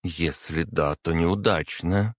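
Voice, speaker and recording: A man's voice: slow, no echo, studio quality. A man voicing a fiery, defiant young princess who keeps raising her voice in scornful outbursts. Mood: mocking. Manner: raised, shrill, scornful outbursts.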